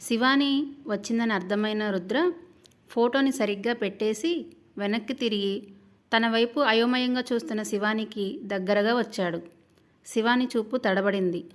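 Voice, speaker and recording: A woman storyteller giving scripted narration of a serial love story in a steady, even manner. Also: a little high, normal speed.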